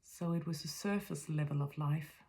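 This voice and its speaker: A Danish woman in her fifties with a low voice and a Danish accent gives a reflective spiritual monologue. She speaks softly, often in a whisper, and halts as she searches for words.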